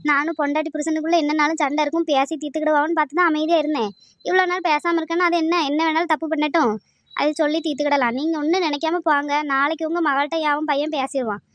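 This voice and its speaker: A woman's voice: sits high, fairly even intonation, racing, fairly bright tone. A woman voicing a reassuring middle-aged mother-in-law in a cartoon. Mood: soothing. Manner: soothing, promising. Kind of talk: cartoon voice acting.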